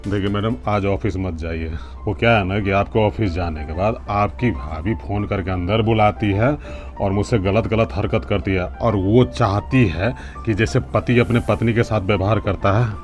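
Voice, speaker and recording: A man's voice: lowish voice, normal speed, faint music behind, close to an everyday voice. An actor playing an honest, middle-aged security guard in a scripted short drama. He speaks politely and respectfully and pleads at times. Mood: earnest.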